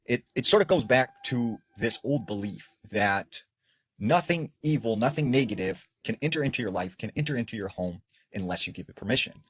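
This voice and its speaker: A man telling a spooky story in a casual, earnest way, swelling up and then dropping to a hush. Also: medium pitch, expressive, moderate pace, slightly rough, no echo.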